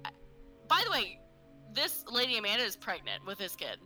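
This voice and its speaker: A woman's voice: medium pitch, huge pitch swings, music in the background, poor audio. A young woman hosting a casual chat, retelling a wild story in a rush of fillers and swearing. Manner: rapid, filler-heavy retelling with frequent swearing. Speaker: podcast host telling a story.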